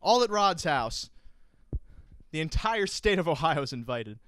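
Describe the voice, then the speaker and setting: A man's voice: fairly high pitch, big pitch swings, a little slow, a bit bright, no echo. A young man hosting a racing podcast, bantering theatrically and mocking himself. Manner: theatrical, self-mocking, swings into silly voices. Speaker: host.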